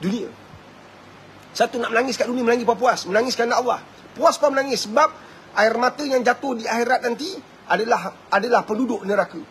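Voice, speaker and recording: A man with a Malaysian Malay accent giving a live-streamed religious talk, animated and chuckling, always asking his listeners whether they agree. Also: very high-pitched, fast, slight background noise. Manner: animated, keeps asking the audience "right?"; chuckles often. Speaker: preacher.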